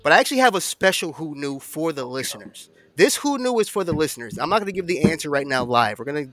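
A man's voice: a little high, sing-song, fast talker, music in the background. A man co-hosting a podcast in loose, rambling casual chat, often correcting himself mid-sentence. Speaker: podcast co-host.

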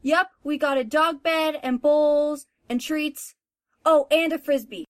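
A woman playing an eager, excitable teenage daughter, in a high voice. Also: slow.

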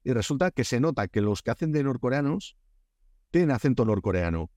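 Fairly quick and medium-pitched, a man with a Spanish accent, from Spain, tells lively stories as a Korea expert guest on a casual podcast. He restarts often and fills pauses constantly, and the clean studio audio has no echo.

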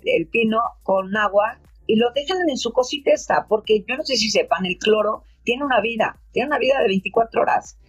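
A woman's voice: mid-range voice, breathy edge. A Mexican woman who leads a codependency support group, giving rambling, chatty advice full of fillers. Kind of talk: casual advice talk. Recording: dull lo-fi audio with faint music.

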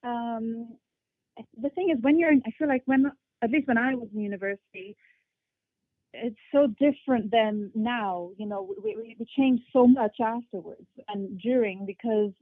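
Her voice sits on the high side at a moderate pace: a young adult woman, guesting as a flautist, giving thoughtful interview answers full of fillers and restarts. Raised on English and Portuguese, she has a mixed international English accent, heard with no room sound over a tinny line that resembles a phone.

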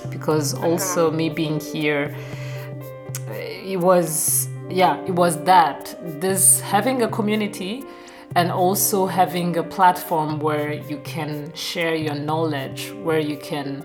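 A woman from Burundi with a Burundian accent speaks in a low register at an unhurried pace. She tells her story conversationally, often repeating phrases as she finds her words. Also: steady tone, music in the background. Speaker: radio show participant telling her story.

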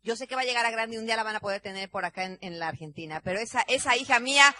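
A middle-aged woman tells a story on stage at a business seminar, acting out voices and often shouting. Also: mid-range voice, racing. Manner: animated, acts out quotes, often shouts. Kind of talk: motivational storytelling talk.

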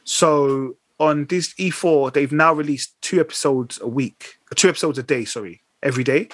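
Husky man with a Leicester accent. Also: a little high, normal speed, no room sound. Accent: Leicester, English. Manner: slangy British street speech. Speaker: podcast host. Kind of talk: casual chat.

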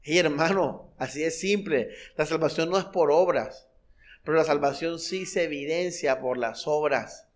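A fervent male pastor preaches in a church hall. His voice sits a touch high for a man, and he keeps firing rhetorical questions and repeated phrases at the congregation, dropping soft and low before rising to loud, high bursts. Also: normal speed. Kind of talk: sermon.

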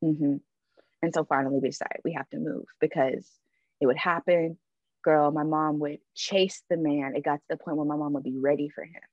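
A woman's voice: low-pitched, steady tone, normal speed, dry recording, lo-fi sound. A woman guest on a podcast, telling a personal story in a candid, emphatic way, often adding "like" and "right?".

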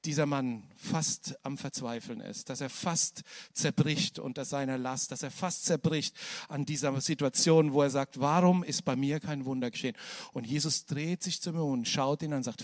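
A man preaching a sermon, moving from soft, slow, hushed passages to loud, high, almost shouted climaxes. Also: dry recording, studio quality.

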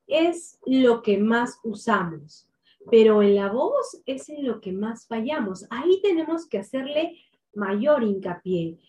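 Woman speaking coach, slightly high voice, unhurried, precise diction, instructional. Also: darkish tone. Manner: slow, deliberate, clearly articulated delivery. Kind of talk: instructional tips to camera.

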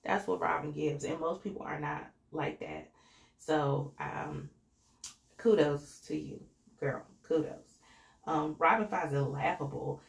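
A woman hosts a podcast reviewing a reality show, chatting casually with slang and lots of fillers. Her voice sits low and creaky, she takes her time, and the sound is roomy.

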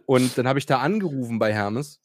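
A man with a mid-range voice talks briskly as he tells a story in a casual conversation, recorded clean in a studio with no room sound. Animated and ranting, he acts out quotes, swears casually, and leans on lots of fillers.

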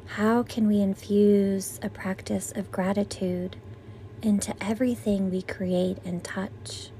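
A woman leading a guided meditation as its teacher, soothing and gentle like a sleep story narrator, with breathy exhales on breathing cues. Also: mid-range voice, little pitch movement, slow pace, a little hiss or hum.

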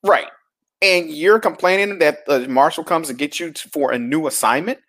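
A man's voice: a little high, normal speed. A man hosting a stream, casually recapping an episode and acting out the characters' lines as he goes. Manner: animated retelling that acts out the characters' lines. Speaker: stream host.

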